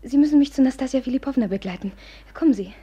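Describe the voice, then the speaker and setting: In a 1950s radio play, an actress portrays Aglaya, a proud and determined young woman, speaking in a commanding, cutting manner with a cold, determined mood. Her high voice is natural and mellow, and her pace is quick.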